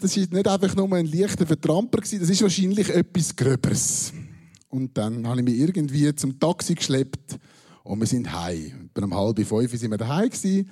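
A man's voice: a little high, warm tone, husky. A man from Switzerland with a Swiss German accent, telling a personal anecdote with dry, self-mocking humor and punchline timing. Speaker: storyteller. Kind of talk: personal anecdote told to an audience.

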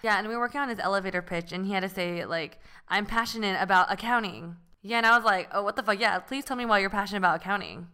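Fast, bright, smooth-voiced woman. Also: medium pitch. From San Francisco Bay Area. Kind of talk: casual chat.

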